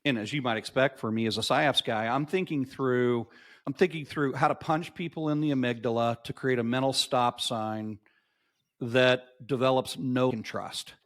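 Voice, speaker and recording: A man in his fifties who owns a marketing agency speaks as a podcast guest, telling animated interview stories. His voice is medium-pitched with fairly even intonation at a normal pace. He's emphatic and motivational, repeating key phrases for effect.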